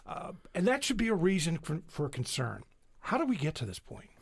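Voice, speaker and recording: A man's voice: fairly high pitch, huge pitch swings, a little fast, vocal fry, breathy edge. A male radio talk show host asking questions in a conversational way, with folksy asides. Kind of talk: public radio interview.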